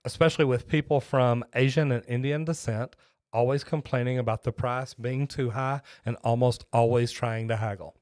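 A Texas master plumber in his 50s hosts a plumbing live stream, chatting with viewers in a folksy, rambling way full of restarts. His medium-pitched voice is a little mellow, with fairly even intonation and a moderate pace. He's close on a boom-arm studio mic in a small home studio lined with shelves, with no echo.

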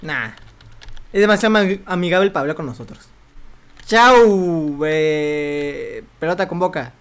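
Bright-voiced excitable young gamer man. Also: fairly high pitch, unhurried, clean tone. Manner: excitable, swears a lot, yelps when startled. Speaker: streamer. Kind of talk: let's play commentary.

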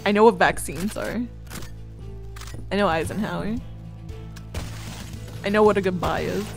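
A woman chatting casually with a friend during a game stream, rambling, animated and swearing freely. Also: mid-range voice, unhurried, gravelly, soft background music. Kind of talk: casual chat.

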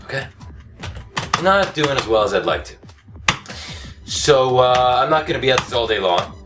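A hoarse man in his thirties, a comedy gaming host, delivers over-the-top, brash game commentary at a moderate pace, his expressive pitch swinging wildly from grumbling mutters to shouting outbursts. He's cocky and self-hyping, recorded from a distance in a room at home with loud game music behind him.

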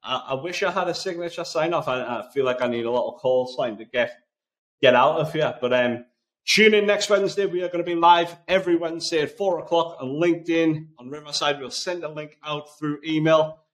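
A man's voice: a little high, a little fast. A man with a Geordie accent hosting a live podcast, answering listener questions in a conversational, step-by-step way. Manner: conversational, explaining step by step with lists. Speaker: podcast host.

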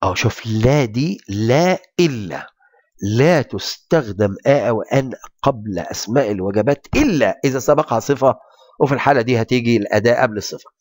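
A male teacher with an Egyptian accent gives a grammar lesson, his pitch rising and falling in a lively way. He rattles off his explanations, then slows right down to read each English example clearly. The recording is close and dry, with no room echo. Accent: Egyptian Arabic. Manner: reads English examples slowly and deliberately between quick Arabic explanations.

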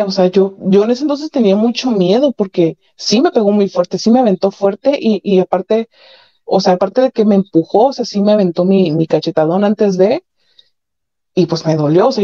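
A woman calls in to share her experiences, giving a frank, matter-of-fact personal testimony punctuated by nervous laughter. Her voice is medium-pitched and warm at a normal speed, and the call line cuts off the highs.

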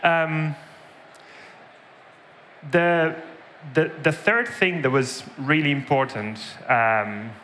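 Speaking very slowly with frequent pauses and a voice on the high side, a thirty-something conference speaker from Spain gives an anecdote-filled keynote on a big, dark stage. His Spanish accent has an Irish tinge, his storytelling is lively, and he keeps adding "right?"; faint hiss or hum is audible.

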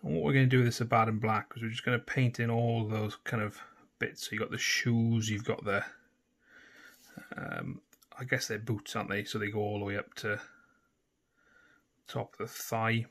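Gravelly Welsh man teaching painting. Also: on the low side, moderate pace, long pauses. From Wales. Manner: relaxed, self-deprecating, with frequent fillers. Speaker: painting tutorial host. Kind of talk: casual instructional talk.

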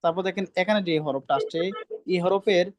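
A man's voice: high voice, fairly quick, dry recording. A man teaching Quran recitation, drilling letter sounds over and over and sternly scolding students who talk over him. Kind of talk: online class teaching pronunciation.

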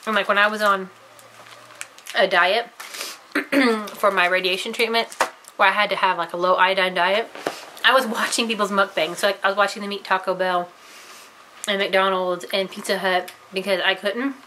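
Bright-voiced chatty woman vlogger. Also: medium pitch, steady tone, normal speed, pauses often, a little hiss or hum, low-quality recording. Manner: chatty, giggly, self-deprecating. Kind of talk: casual vlog, tasting candy on camera.

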